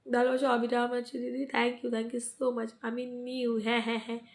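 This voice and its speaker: Woman with a cold, gravelly low-key voice. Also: flat delivery, a little fast. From West Bengal, India. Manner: greets and thanks commenters by name, asks for mentions. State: sore throat and cold, coughing. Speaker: live stream host. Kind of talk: casual live-stream chat with viewers.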